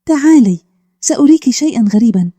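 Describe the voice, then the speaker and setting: A man's voice: extremely high pitch, fast, dark tone, no room sound. A woman voicing a wary, startled village man who exclaims in an anxious way while reading a bedtime story.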